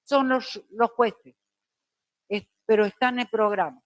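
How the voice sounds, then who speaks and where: A middle-aged woman teacher, lecturing a class slowly and deliberately with careful diction. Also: fairly high pitch, fairly even intonation, no room sound.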